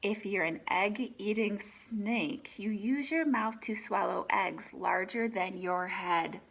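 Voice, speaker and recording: Reading a picture book to young listeners, a woman uses an expressive delivery and stops for friendly asides and questions. Her voice is mid-range and a bit bright, with some vocal fry.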